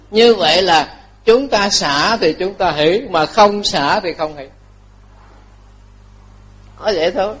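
A high-pitched Buddhist monk gives a lively dharma talk to lay followers, joking frequently and repeating his phrases.

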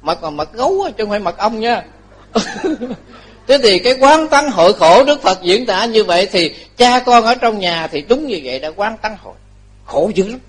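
Buddhist monk guy giving a dharma talk, pretty high voice, jokes a lot, repeats himself. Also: husky. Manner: lively, joking, laughs often, repeats phrases. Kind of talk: dharma talk to lay followers.

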